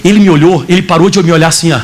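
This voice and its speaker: A man, a pastor preaching a sermon in church, telling his testimony in an animated way and acting out the dialogue. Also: a little high, racing.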